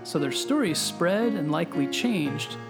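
A man narrating a scripted history story for children, gently and clearly explaining as he speaks to the listener, as a storytelling host. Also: on the high side, lively intonation, a little slow. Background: background music.

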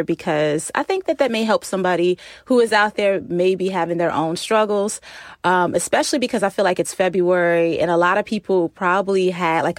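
A woman's voice: on the low side, dry recording, studio quality. A woman hosting a solo podcast in a chatty, informal way, recorded inside a closet. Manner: chatty, informal, laughs while talking. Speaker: podcast host. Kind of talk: casual solo podcast talk.

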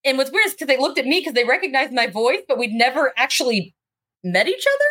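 A woman chatting informally as a podcast guest, telling stories in an animated, chatty way and swearing freely. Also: high-pitched, fast. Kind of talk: casual chat, animated storytelling.

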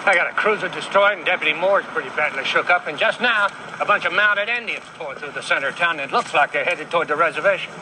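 An actor playing a harried small-town male sheriff giving an exasperated, rapid briefing in a TV clip. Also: fairly high pitch, close to an everyday voice. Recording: TV clip with noisy background.

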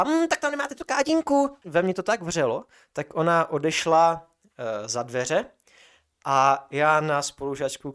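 A young man co-hosting a podcast, telling an annoyed story in casual chat. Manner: animated storytelling, mimics others in high voice. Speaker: podcast co-host. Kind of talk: casual ranting anecdote.

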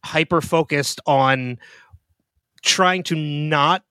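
A man's voice: fairly high pitch, drawn-out words, clear, resonant tone, no room sound, clean studio sound. A man co-hosting a podcast, chatting casually and thinking aloud about a TV episode. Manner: relaxed, laughs easily, thinks aloud. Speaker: podcast co-host. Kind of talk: casual chat.

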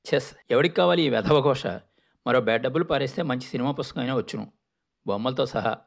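A man reads out a sour, irritable traveller who grumbles under his breath at everyone around him. His voice has a gravelly texture at an ordinary pitch, full of contempt. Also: very fast, lightly acted. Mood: scornful. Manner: scornful, muttering complaints. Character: irritable grumbling male train passenger.

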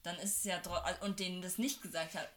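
A woman's voice: lowish voice, steady tone, fast talker, a bit bright, a little hiss or hum. A woman hosting a casual podcast, supportive, with frequent short agreements and restarts. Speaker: podcast host.

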